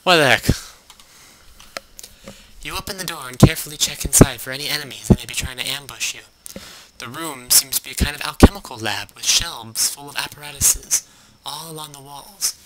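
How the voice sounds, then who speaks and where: A young man hosting a game playthrough, reading on-screen text aloud with sarcastic, deadpan asides. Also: medium pitch, brisk, a loud crowd, poor audio. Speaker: let's play host.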